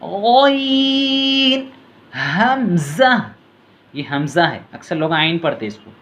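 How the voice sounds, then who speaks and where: Slow, patient male reading teacher. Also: sing-song, a bit bright, lo-fi sound. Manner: calls out letter names in long drawn-out tones, then explains in a low aside. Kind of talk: patient step-by-step reading lesson.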